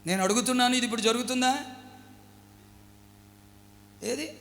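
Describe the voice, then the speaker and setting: A man preaching a sermon with an emphatic, rising delivery and a higher-than-usual voice. He prompts the congregation to answer back. His voice rings through a church hall with a long reverb. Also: moderate pace, gravelly, a bit bright. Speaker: pastor.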